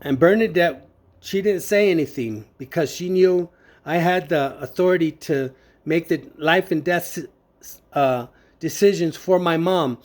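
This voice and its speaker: A man testifying before a judge, speaking earnestly and haltingly with many fillers and restarts. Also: a little high. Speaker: witness testifying in court.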